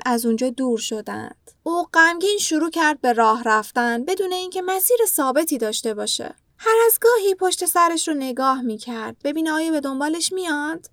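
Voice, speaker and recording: A woman narrating a children's story in a gentle storytelling manner. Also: high voice, no echo, studio quality.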